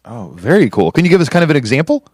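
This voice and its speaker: A man's voice: a little high, sing-song, rapid-fire, a little mellow, no echo, clean studio sound. A man hosting an interview podcast, talking with enthusiasm and often repeating words as he restarts. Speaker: podcast host.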